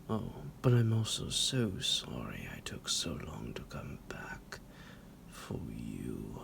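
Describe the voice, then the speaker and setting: Fully in character, he whispers breathily and gravelly as the centuries-old vampire holding the listener captive, sliding down into a low creak in this ASMR roleplay. The tone is gloating and doting, possessive and mock-tender, delivered slowly and theatrically with chuckles and menacing affection.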